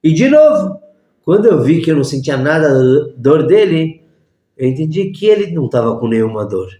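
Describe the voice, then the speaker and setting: Animated rabbi telling stories. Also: male voice, a little high, normal speed. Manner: animated storyteller acting out voices. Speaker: rabbi teaching a class. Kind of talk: storytelling lesson. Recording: echoey room.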